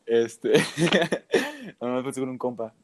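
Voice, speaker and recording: A man's voice: mid-range voice, slow pace, breathy edge, dry recording. A young man with a Mexican accent chatting casually, telling stories full of slang and breaking into laughter. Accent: Mexican Spanish. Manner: slangy, laughing, animated storytelling. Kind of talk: casual chat.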